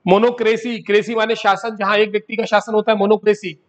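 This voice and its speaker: A man's voice: sits high, flat delivery, quick pace. A male teacher giving a vocabulary lesson, repeating words in drills and calling his students "beta.". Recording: dull lo-fi recording.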